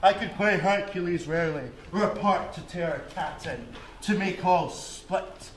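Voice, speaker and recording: A man playing a boastful, hammy male weaver in a stage play, booming and grandiose. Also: unhurried. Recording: echoey hall, faint noise.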